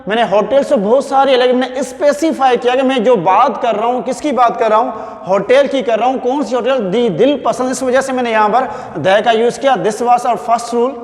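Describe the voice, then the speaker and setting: A male English teacher with a Sindhi-accented Urdu, giving a classroom grammar lesson. He talks slowly, dictates words syllable by syllable and calls his students "my child". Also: very high voice. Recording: echoey classroom with long reverb.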